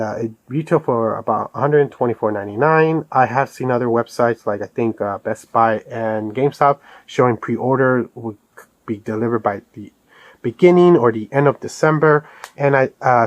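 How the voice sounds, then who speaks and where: Speaking at medium pitch in a dry recording, a man who loves collectibles gives a loose, meandering review while unboxing an item for his vlog.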